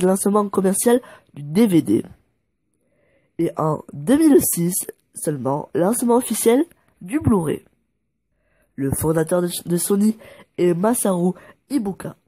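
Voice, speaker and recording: A man's voice: sits high, warm tone, dry recording. A man presenting a casual fact video, making joking asides and stumbling over numbers before correcting himself. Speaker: YouTuber presenting facts.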